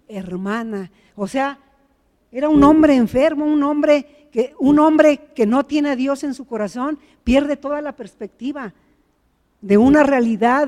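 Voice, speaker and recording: High-voiced preacher in echoey hall. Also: male voice, darkish tone. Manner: earnest storytelling, explanatory asides. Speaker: pastor. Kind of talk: sermon. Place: church.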